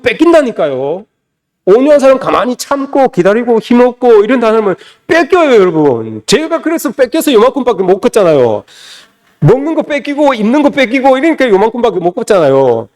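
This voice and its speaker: A male pastor delivers an emphatic sermon in a fairly high voice that rises and falls with lively swings. He repeats his points and keeps turning to the congregation with rhetorical questions. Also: a little fast. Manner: emphatic preaching, repeats phrases, addresses listeners as "여러분".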